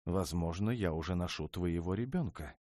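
A man voicing a proud, hot-tempered young dragon princess in an audiobook, with loud, shrill outbursts. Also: expressive, normal speed, no echo, studio quality. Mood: outraged. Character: haughty, furious young dragon princess, female.

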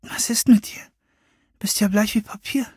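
A man voicing a sleepy, worried young woman, speaking in a soft, high whisper in an audiobook. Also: unhurried, slightly rough, no echo, studio quality, exaggerated voice. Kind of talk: audiobook reading.

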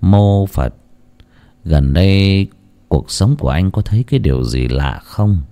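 A man voicing a calm elderly Buddhist monk who speaks slowly and solemnly. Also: low voice. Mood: probing. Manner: slow, measured, solemn chanting tone.

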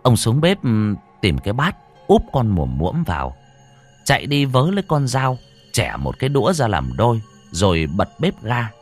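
A man's voice: medium pitch, moderate pace, faint music behind. A man narrating a horror story, acting out every character. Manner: animated, voices all characters.

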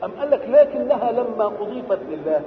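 A man's voice: extremely high pitch, sing-song, fast talker, slight background noise. A man with an Egyptian Arabic accent gives a Quranic exegesis lecture, posing rhetorical questions and answering them himself. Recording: dull old lecture recording in an echoey hall.

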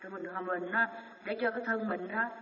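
A man's voice: sits high, fairly even intonation, brisk, crowd noise. A man delivers a Buddhist sermon, asking questions aloud and answering them himself with emphasis. He sounds distant from the microphone, with his voice trailing into a long hall echo. The recording is dull and muffled. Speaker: Buddhist dharma teacher.

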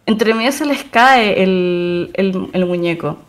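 A young Chilean woman co-hosting a podcast, recapping a film in a slangy, animated way with quick asides. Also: medium pitch. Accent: Chilean Spanish. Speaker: podcast co-host. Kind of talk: casual chat.

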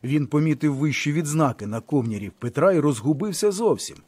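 Husky male audiobook narrator. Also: fairly high pitch, lively intonation, fairly quick, darkish tone, dry recording.

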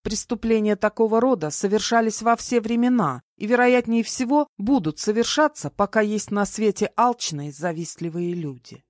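A woman's voice: medium pitch, animated, moderate pace, few pauses, no room sound, clean studio sound. Woman reading a first-person audiobook. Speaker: audiobook narrator.

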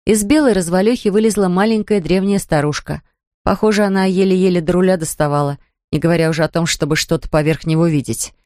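Brief: measured female audiobook narrator, fairly low voice, dry studio sound. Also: mellow, no echo. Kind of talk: scripted narration.

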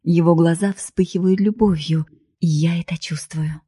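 A woman narrates an emotional first-person audiobook in a heartfelt, pleading way. Her voice is somewhat low, dark and husky, recorded dry and close. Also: steady tone, normal speed, dry recording. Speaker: audiobook reader.

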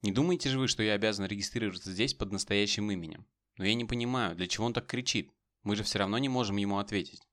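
A man voicing a pompous, hot-tempered middle-aged male politician who blusters and shouts. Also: lowish voice, quick pace, lightly acted. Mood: indignant.

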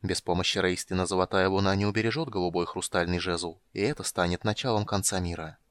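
A man reading the lines of a cold, commanding female goddess in an audiobook, slow and measured. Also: low-pitched, steady tone, clear, resonant tone, dry recording, studio quality, close to an everyday voice. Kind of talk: audiobook character voice.

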